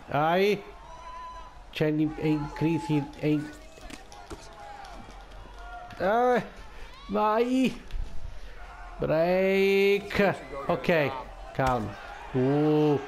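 A man narrates his own gameplay in a loose, unhurried way, often muttering reminders to stay calm. His voice sits fairly high and swings widely in pitch. There is a faint hiss behind him. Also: some chatter behind. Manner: mutters to himself, repeatedly urging calm. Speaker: gameplay commentator. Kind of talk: casual gameplay commentary.

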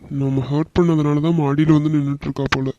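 A man voicing a hot-tempered but soft-hearted young husband in a cartoon, emotional and quick to apologize. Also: a little high, level tone, dry recording, natural voice. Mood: remorseful. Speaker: voice actor. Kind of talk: animated cartoon dialogue. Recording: dull, dry lo-fi recording.

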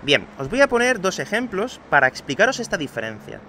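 A man from Andalusia speaking with a light Spain Spanish accent teaches a podcast lesson from his outdoor home terrace, patiently responding to student questions and talking directly to the listener. His high voice is sing-song and sharp-toned, moving fairly quickly over slight background noise.

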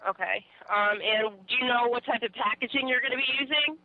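Over a muffled, narrowband phone line, a shipping customer service agent talks from the other end of the call. Her voice is a little high and her pace brisk.

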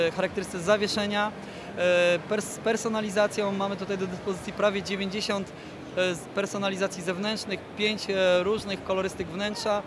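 A handheld interview mic is held toward a high-pitched man in his thirties, the PR manager for a car brand, as he presents a product in a promotional interview. He talks at a measured pace, hesitating often and at length, while a busy exhibition hall clamors behind him in the big indoor show venue.

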